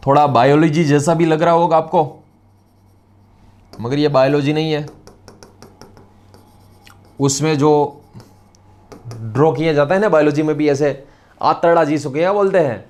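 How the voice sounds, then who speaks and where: Teaching chemistry in a recorded lecture, this Gujarati-accented man drills repetitively and now and then teases his students. His voice is a little high, steady, and a little mellow, moving somewhat slowly with long pauses.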